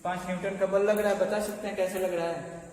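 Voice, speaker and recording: Brief: male teacher, slightly high voice, heard from afar in a boomy classroom with a faint hiss. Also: little pitch movement, quick pace, a little mellow. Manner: conversational, keeps checking in with "okay". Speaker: maths teacher. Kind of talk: classroom lecture at a board. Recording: echoey room, mic far off, faint noise.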